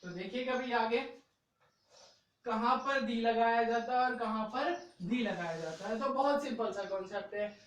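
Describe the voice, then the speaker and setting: A man gives a classroom-style video lesson on English grammar, patient and repetitive, often tacking "okay" and "brother" onto phrases as little check-ins. His voice is very high-pitched and a bit bright at a moderate pace, picked up off mic from a distance in a very echoey room.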